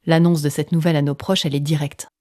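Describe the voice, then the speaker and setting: A woman telling an intimate personal story in the first person, using dramatic pauses, sometimes dropping close to a whisper and acting out what others said. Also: deep voice, flat delivery, warm tone, no room sound.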